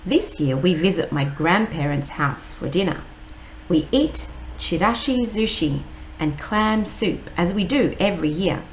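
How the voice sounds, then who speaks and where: A woman teacher, reading a picture book aloud slowly and explaining each word. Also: fairly low pitch, animated, a little hiss or hum, rough recording. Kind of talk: read-aloud storytime.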